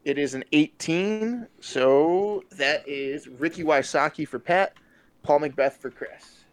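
A man's voice: fairly high pitch, slow pace. Rambling, chuckling male podcast host. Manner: rambling, hesitant, laughs often. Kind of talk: casual chat during a fantasy draft.

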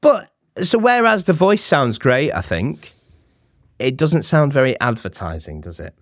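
A man's voice: mid-range voice, very animated, a little slow, dry recording, studio quality. A man with a Manchester accent co-hosting a podcast, explaining things in a chatty, self-deprecating way. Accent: Mancunian. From England. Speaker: podcast co-host. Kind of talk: casual chat.

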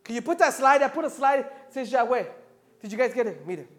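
A male pastor preaching a sermon in church, moving from quiet asides to loud, animated emphasis. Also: extremely high pitch, moderate pace. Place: church service with slides.

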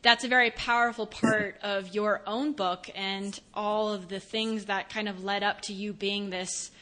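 A woman's voice: mid-range voice, steady tone, measured pace, fairly bright tone. A woman hosting a podcast in a casual, upbeat and enthusiastic way. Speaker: podcast host.

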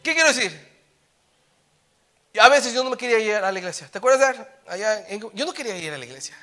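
Male preacher, middle-aged; sharp bright tone, sits high; code-switching sermon, playful asides, emphatic build-ups. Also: animated, fast talker. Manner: switches between Spanish and English, joking asides; swells to loud, emphatic exhortation.

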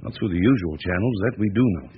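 A man's voice: fairly low pitch, expressive, rapid-fire, natural voice. A man playing an earnest police inspector. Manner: earnest, clipped, old-fashioned speech. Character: worried male Scotland Yard chief inspector, blunt and earnest. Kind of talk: 1940s radio acting. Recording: lo-fi old radio recording with hiss.

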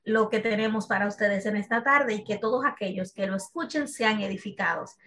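A woman's voice: medium pitch, a little fast, a bit bright. A woman guest Bible teacher joining a live program by video call, speaking formally and humbly and admitting she is nervous. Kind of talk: greeting on a live online program.

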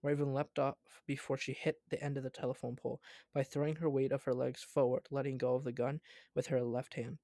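Man, story reading, stumbles and self-corrects, mid-pitched voice, dry close sound. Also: warm tone, no echo.

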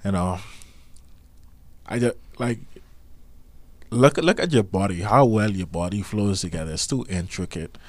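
A man co-hosting a casual podcast, talking informally and slangily in a halting, thinking-aloud way. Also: fairly low pitch, no echo. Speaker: podcast co-host. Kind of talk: casual chat.

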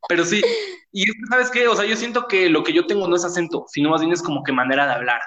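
A man's voice: high-pitched, fast, pushed and bright, muffled recording. A young man with a Mexico City accent hosting a casual podcast, slangy and laughing often. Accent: Mexico City Spanish. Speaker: podcast host.

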